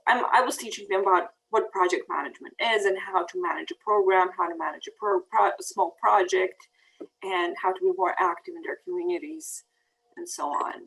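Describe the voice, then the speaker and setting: A woman's voice: on the low side, brisk, vocal fry, a bit bright, slight background noise, rough recording. Hesitant woman giving a talk. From Bosnia and Herzegovina. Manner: hesitant, many ums and restarts. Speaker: peace fellow giving a presentation. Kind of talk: prepared talk over slides.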